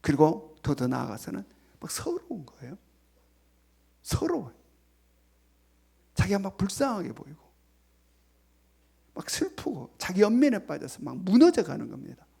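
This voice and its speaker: A man preaching a Sunday sermon as pastor, retelling a parable dramatically and dropping to hushed near-whispers for emphasis. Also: high-pitched, huge pitch swings, moderate pace, creaky, pauses often, slightly rough. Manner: retells a parable with voiced quotes. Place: church sanctuary.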